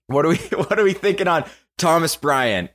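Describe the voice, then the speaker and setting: A man's voice: on the high side, animated, a bit bright. Laughing, joking podcast host, a man. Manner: joking, laughs often, quick asides. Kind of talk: casual sports podcast chat.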